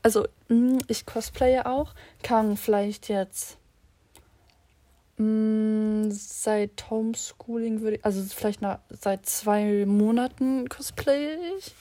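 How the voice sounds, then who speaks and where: A woman's voice: mid-range voice, dark tone, no echo. A teenage girl rambling casually to her listeners in a slangy way, slipping in English words. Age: teens. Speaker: vlogger.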